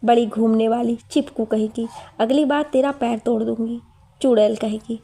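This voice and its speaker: A bossy, sarcastic young woman, put on by a woman narrator scolds and mocks in a high voice. The tone stays mellow even while the words cut. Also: moderate pace, creaky. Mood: muttering. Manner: scolding, mocking.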